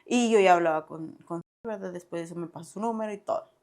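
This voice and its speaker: A young woman with a Mexican accent, a guest on a podcast, telling her own story in a casual, animated way and often laughing. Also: on the low side, fast. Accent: Mexican Spanish. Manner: animated, acts out past dialogue, laughs often.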